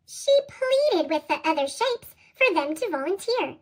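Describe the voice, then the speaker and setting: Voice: very animated, a little slow, fairly bright tone. A reader with a sped-up chipmunk voice effect, reading children's picture books aloud in a bouncy sing-song. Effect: sped-up, high chipmunk-style pitch shift. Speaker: storybook reader.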